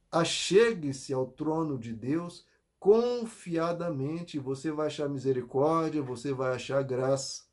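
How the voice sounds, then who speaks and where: A pastor delivers an earnest sermon in a fairly high voice for a man. He leans into scripture, drawing quoted verses out slowly and with weight. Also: a little mellow. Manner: earnest preaching with slow emphatic scripture quotes.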